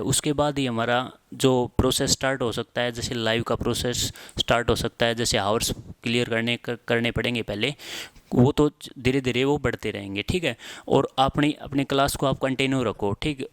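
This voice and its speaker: A young man teaching an exam-prep lesson in a chatty way, often repeating key terms slowly for students to write down and tagging phrases with fillers. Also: medium pitch, steady tone, fairly bright tone, smooth, no echo. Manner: frequent filler tags at phrase ends.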